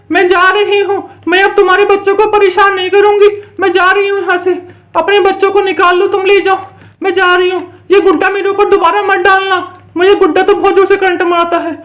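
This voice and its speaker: A woman voicing a cruel child-eating witch in a doll play story, with slow, gloating threats. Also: very high voice, echoey room.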